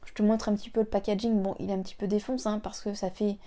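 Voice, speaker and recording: A woman's voice: mid-range voice, flat delivery, rapid-fire, warm tone. A young woman reviewing her lipsticks at home in a chatty, hesitant way, full of fillers and restarts. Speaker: beauty vlogger. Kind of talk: casual makeup review. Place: home room with an open window.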